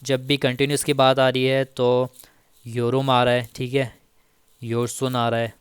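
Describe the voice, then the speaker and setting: A man teaching Turkish grammar in a casual spoken lesson, slowly repeating each example and checking in often with the listener. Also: medium pitch, little pitch movement, smooth, no echo, clean studio sound. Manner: slow, repeats each example with frequent "theek hai".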